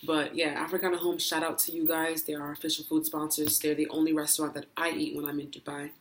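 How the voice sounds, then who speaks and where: A woman's voice: low-pitched, flat delivery, quick pace, slight background noise. A woman vlogging while eating a meal, chatty and full of ums and likes, hiccuping from being full. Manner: chatty, filler-heavy with frequent ums and likes. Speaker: mukbang vlogger. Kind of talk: casual chat while eating. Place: indoors, home in Dubai. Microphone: camera mic, no tripod.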